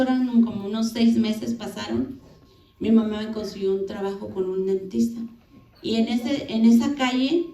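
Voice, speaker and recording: A woman's voice: fairly high pitch, mellow. A middle-aged woman giving a spoken church testimony, storytelling and acting out both sides of the dialogues. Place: church hall. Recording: echoey church hall, faint ambience.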